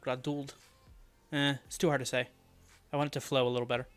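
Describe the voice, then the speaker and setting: A man streaming live, thinking aloud as he mutters and repeats made-up names to test how they sound, often dropping to a quiet murmur. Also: mid-range voice, level tone, quick pace, soft background music. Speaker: streamer building a fantasy world.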